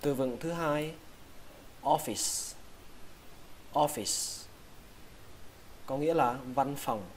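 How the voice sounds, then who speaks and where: Slow, patient man teaching vocabulary. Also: a little high, a little hiss or hum. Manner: spells out sounds slowly, repeats each word twice. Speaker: English teacher. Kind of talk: slow vocabulary lesson for Vietnamese learners.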